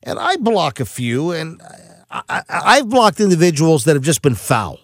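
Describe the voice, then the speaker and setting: A middle-aged man hosting a talk radio show, ranting in a quick, animated monologue full of asides and restarts. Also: fairly high pitch, no echo, clean studio sound.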